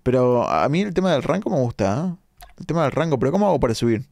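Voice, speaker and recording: A young Argentine man with a Rioplatense accent and a medium-pitched voice talks casually through a late-night game stream. He reads viewer comments aloud and keeps up a chatty stream of asides. The sound is dry and close, with no room echo. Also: sing-song, fast, gravelly, a little mellow. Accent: Rioplatense Argentine Spanish. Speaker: live-streaming gamer. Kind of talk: casual live-stream commentary reading chat.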